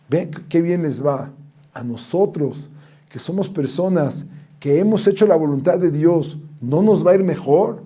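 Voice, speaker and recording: A man, a rabbi, giving a lesson as an animated storyteller who reads out Hebrew and Aramaic quotes. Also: fairly high pitch. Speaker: rabbi teaching.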